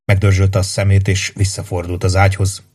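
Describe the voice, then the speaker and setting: A man narrating an audiobook in a measured, dramatic reading voice. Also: low-pitched, completely flat delivery, a little mellow.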